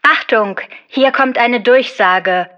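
A woman makes a polite, clearly spoken announcement over a department store intercom. Her voice sits fairly high and sounds bright, and the intercom sound is dull and muffled. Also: slow pace. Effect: heard over a department store intercom. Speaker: store announcer in a listening exam.

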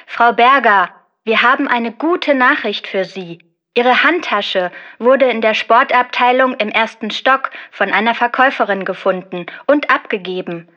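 A woman's voice: a little high, sharp tone. Woman paging over a store intercom. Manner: clear, polite, deliberate. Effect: heard over a department store intercom. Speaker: store announcer in a listening exam. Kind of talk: scripted department store announcement. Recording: dull, muffled intercom sound.

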